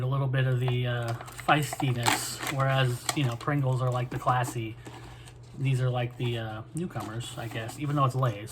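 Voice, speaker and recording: A man's voice: mid-range voice, very noisy. A man gives a casual, rambling food review, hedging as he goes. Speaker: snack reviewer.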